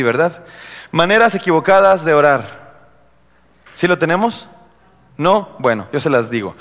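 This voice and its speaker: Guy preaching in a church, kinda high voice, long echo tail. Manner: animated, acts out quoted prayers in mocking tones. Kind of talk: sermon.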